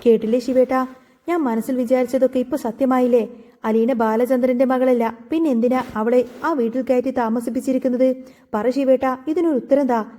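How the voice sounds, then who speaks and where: A sneering, scheming matron hurling taunts, as a woman narrator reads her lines. The voice sits high and mellow, and it stays mocking throughout this storybook telling. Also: fairly even intonation, normal speed, lightly acted. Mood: scornful. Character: scornful scheming middle-aged woman, Vaijayanthi.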